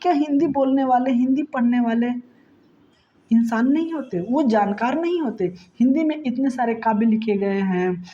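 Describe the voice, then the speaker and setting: A woman teacher walks through exam questions one by one, explaining each answer in a conversational, repetitive way. Her voice sits a bit high yet sounds warm and mellow. The recording is dull and lo-fi. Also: moderate pace. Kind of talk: exam-prep lesson.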